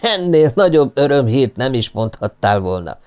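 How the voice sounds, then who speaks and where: A man's voice: mid-range voice, big pitch swings, smooth, pitched above the performer's own voice, natural voice. A man voicing an insolent young aristocrat who is a thief, talking back in a cheeky, mocking way. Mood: mock-joyful.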